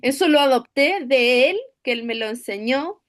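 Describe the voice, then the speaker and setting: High-pitched woman math teacher, halting delivery, workshop call. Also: animated, fairly bright tone. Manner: hesitant, repeats words. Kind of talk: workshop discussion.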